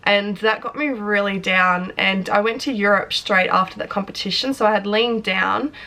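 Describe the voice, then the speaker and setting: A young woman telling her own story on a vlog, hoarse from a flu, speaking in a candid, rambling and emotional way. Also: medium pitch, normal speed, pushed and bright. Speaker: vlogger and personal trainer. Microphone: front camera close up.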